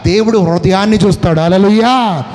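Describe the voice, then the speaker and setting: A high-pitched man with a Telugu accent preaches a sermon, calling out questions and urging the congregation to answer back. His voice rings with the long reverb of a church hall. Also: brisk, darkish tone. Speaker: pastor.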